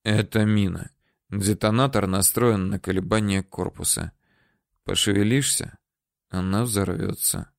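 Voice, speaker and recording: A man's voice: fairly even intonation, gravelly, no room sound, studio quality. A man doing a cold, menacing interrogator. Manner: curt, threatening, slow and low. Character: hard, menacing male surveyor interrogator. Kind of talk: audiobook character voice.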